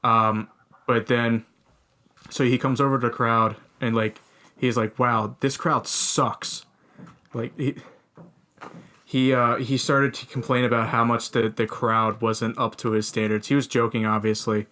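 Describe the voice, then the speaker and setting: A man's voice: mid-range voice, flat delivery, unhurried, sharp tone. A young man co-hosting a comedy podcast, telling a long story in casual chat with many restarts. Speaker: podcast co-host.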